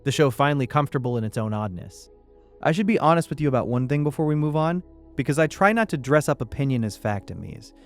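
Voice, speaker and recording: A man giving a calm scripted sleep narration, slow, soft and reflective. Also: medium pitch, faint music behind.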